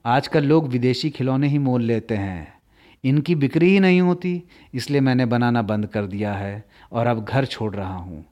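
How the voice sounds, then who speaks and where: A man voicing a poor, gentle old toymaker who speaks quietly and sadly in a storybook reading. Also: medium pitch, muffled recording, pitched below the performer's own voice, natural voice. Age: older. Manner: quiet, soft and slow.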